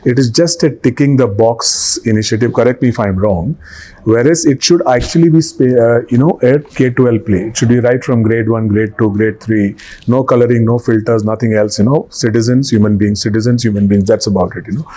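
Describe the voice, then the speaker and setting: Male podcast host, Indian accent, husky and relaxed tone, opinionated, emphatic repeats. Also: mid-range voice, fairly quick, low-quality recording. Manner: emphatic repetition, frequent "you know". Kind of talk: discussion, opinionated talk.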